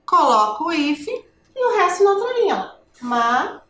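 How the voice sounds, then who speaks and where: Lively Brazilian woman teacher, echoey room. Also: very high voice, moderate pace, slight background noise. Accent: Brazilian Portuguese. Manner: patient, asks the viewer questions. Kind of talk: classroom lesson for children.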